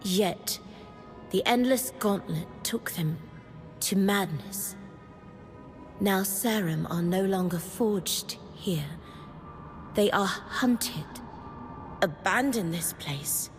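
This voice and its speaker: In video game dialogue, an actress voices an earnest, curious woman historian, an outsider studying ancient inscriptions. Her natural, medium-pitched voice is measured and contemplative, reading the ancient words aloud with solemn gravity. The recording has a long hall reverb with music behind it.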